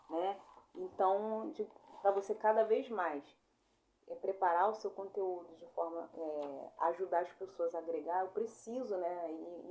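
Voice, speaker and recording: In a casual online grammar class, a young Brazilian Portuguese teacher speaks in a voice on the low side with a darkish tone. She chats informally, says sorry a lot, and sounds words out slowly, letter by letter.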